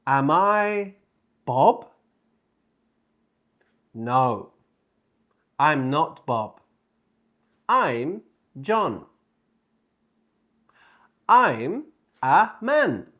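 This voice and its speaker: A man leads a beginner lesson at an extremely slow pace. He spells out words and repeats each phrase, his pitch rising and falling in a lively way. The recording sounds a little dull and lo-fi. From England. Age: 30s. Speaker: English teacher.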